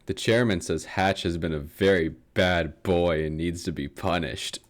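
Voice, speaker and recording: A young man with a lowish voice tells a book's story as comedy, dry and sarcastic, dropping swear words and chuckling at his own jokes. He reads from a script but keeps it loose and chatty. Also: fairly even intonation, measured pace. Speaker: comedic book summarizer.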